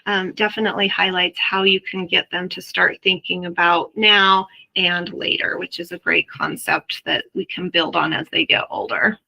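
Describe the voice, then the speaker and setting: A woman's voice: fairly low pitch, fairly even intonation, moderate pace, vocal fry, hardly any pauses, sharp tone, low-quality recording. A woman, a mother, giving a chatty webinar presentation on early learning, explaining ideas through everyday examples and speaking directly to her audience. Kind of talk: webinar presentation to health workers.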